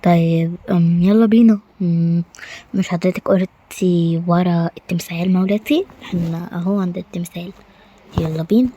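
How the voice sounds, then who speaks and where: A woman with an Egyptian Arabic accent voicing a timid, loyal male knight who speaks hesitantly in a hushed tone. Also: fairly low pitch, fairly even intonation, moderate pace, dull audio, pitched below the performer's own voice, close to an everyday voice. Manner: hesitant, hushed, with filler hums.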